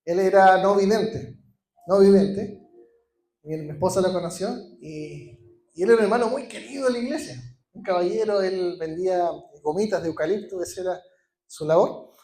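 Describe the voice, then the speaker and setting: A man's voice: high-pitched, normal speed, darkish tone, echoey room. A man with a Chilean accent preaching a sermon as a pastor, passionate and building to emphatic repeated declarations, with some hesitations and restarts. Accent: Chilean Spanish. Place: church.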